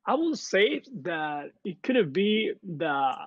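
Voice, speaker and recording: Young man, halting English, high voice, dull dry lo-fi mic. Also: sing-song, no room sound. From Latin America. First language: Spanish. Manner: halting, searching for English words. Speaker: esports player guest. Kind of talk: casual interview chat.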